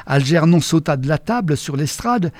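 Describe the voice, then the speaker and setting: A man giving a measured, expressive first-person reading of a novel as an audiobook narrator. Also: on the high side, no room sound, clean studio sound.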